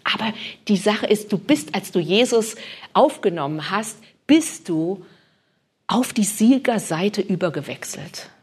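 A woman with a mid-range, darkish, breathy voice preaches fervently at a healing service, animated yet measured in pace. Leading a charismatic sermon and prayer ministry, she often drops to a whisper and repeats "hallelujah."

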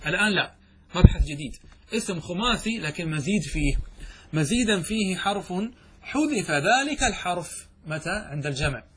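A man's voice: fairly high pitch, a bit bright, breathy edge. A man giving a classroom lecture on Arabic grammar, explaining step by step and asking his students questions.

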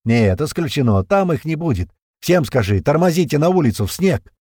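A man voicing a gruff male fighter who yells orders and groans in pain. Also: a little high, very animated, moderate pace, no echo, clean studio sound, voice pushed up. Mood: commanding.

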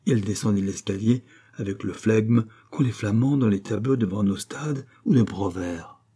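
A man narrating a classic novel as an audiobook, with a measured, literary reading. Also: lowish voice, dark tone, husky. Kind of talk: scripted narration.

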